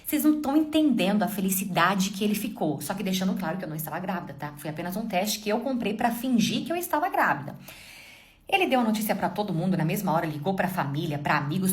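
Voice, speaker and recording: A young woman telling a dramatic first-person story in a casual way, talking straight to her listeners. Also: medium pitch. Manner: dramatic, addresses listeners directly.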